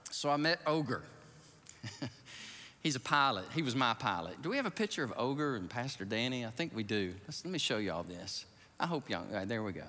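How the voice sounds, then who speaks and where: A man preaching as a pastor, telling a story in an animated, excitable way and jumping up in pitch to act out scenes, in a church sanctuary. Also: brisk. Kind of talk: storytelling sermon. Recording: reverberant hall.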